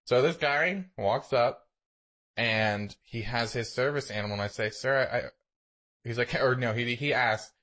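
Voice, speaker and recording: Swearing freely and leaning on sarcasm, this man spins stories and chats casually as a podcast co-host. His mid-range voice is fairly bright and a little slow.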